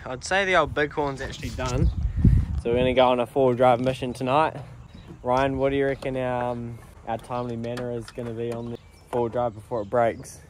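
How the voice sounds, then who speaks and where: A man's voice: mid-range voice, fairly even intonation, a little fast. Young man, broad Kiwi accent, noisy recording. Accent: broad New Zealand. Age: 20s. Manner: slangy, laddish. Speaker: vlogger. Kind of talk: casual vlog chat. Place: outdoors and inside an old four-wheel drive. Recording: loud outdoor and vehicle noise.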